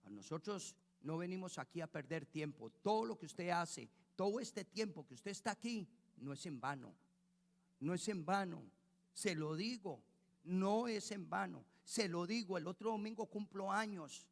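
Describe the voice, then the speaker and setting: A pastor preaching a sermon in a church, repeating phrases and asking the congregation questions. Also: male voice, sits high, lively intonation, normal speed, gravelly, long reverb tail. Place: church hall.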